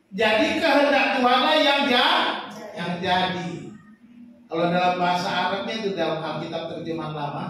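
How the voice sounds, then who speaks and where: A man preaching a lively sermon as pastor, acting out quotes and rising to shouts. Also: a little high. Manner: animated, shouting peaks, acts out quotes. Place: large church hall. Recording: echoey hall from far off, faint noise.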